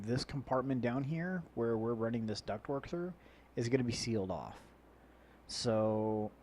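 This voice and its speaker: A gaming video host with a mid-range, slightly mellow voice that sounds nasal and congested rambles casually through let's play commentary, muttering to himself along the way. His low-quality microphone picks up a chopping, helicopter-like equipment noise in the background.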